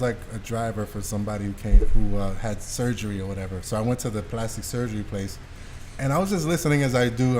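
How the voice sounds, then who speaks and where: A man hosts a podcast, joking and teasing casually in a group chat full of swearing. His voice sits mid-range with a slightly mellow quality, and a faint hiss or hum runs under the audio.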